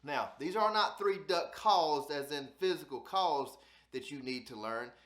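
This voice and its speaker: A duck hunting channel host from South Alabama gives a casual, folksy how-to talk in his Southern accent, repeating phrases for emphasis. His voice sits on the high side, expressive, a bit bright and a little slow. The sound is reverberant.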